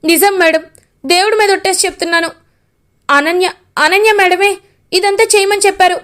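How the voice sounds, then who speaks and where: A frightened male henchman, voiced by a woman narrator, blurting out his confession. The voice sits high, rushed and anxious. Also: fairly even intonation, fairly bright tone. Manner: confessing in fear.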